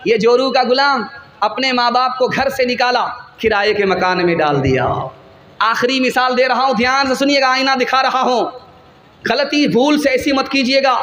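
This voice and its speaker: A man preaching a religious sermon to a large gathering, driving points home with repeated phrases and shouted stresses. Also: very high voice, reverberant, in a large hall, slight background noise. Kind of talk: Islamic sermon with stories and sung verse.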